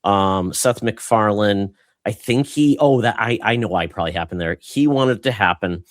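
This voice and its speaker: A man's voice: lowish voice, normal speed, no echo, clean studio sound. A man hosting a podcast, chatting casually with loose, filler-heavy talk. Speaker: podcast host. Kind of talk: casual chat.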